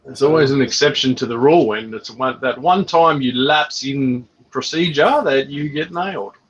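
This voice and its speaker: A man's voice: medium pitch, normal speed, breathy edge. A man hosting a casual reptile livestream, teasing his co-host with jokey banter. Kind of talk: casual chat. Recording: dull lo-fi audio.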